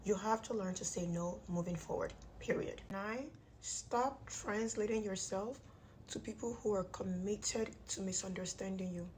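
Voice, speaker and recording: A woman in her thirties delivers motivational advice with a tight, clenched-jaw sound, as her jaw is wired shut. She is blunt and emphatic, repeating key phrases at a medium pitch. There is clear background noise in the recording. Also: unhurried, darkish tone. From Nigerian immigrant household. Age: 30s. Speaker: vlogger giving self-help advice. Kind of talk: direct-to-audience motivational advice talk.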